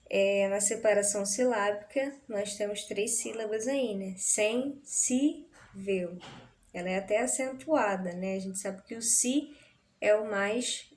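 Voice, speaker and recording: A woman's voice: medium pitch, darkish tone. A woman teacher with a Brazilian accent explaining grammar in a remote lesson, patient and checking in with frequent tag questions. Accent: Brazilian Portuguese.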